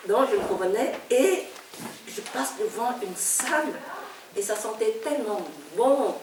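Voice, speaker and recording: An older woman from Vietnam speaking with a Vietnamese accent, a novelist reminiscing in an interview, halting and repeating words with frequent laughter. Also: a little high, expressive, darkish tone, far from the mic, a little hiss or hum. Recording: echoey room, speaker off-mic.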